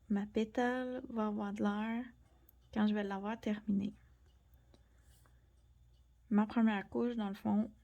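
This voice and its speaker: A young woman with a Québécois French accent, gently explaining a colored pencil drawing tutorial and sometimes dropping to near-whispers. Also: mid-range voice, highs cut off. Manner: gentle, soft-spoken, drops into near-whispers while drawing. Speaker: art tutorial host.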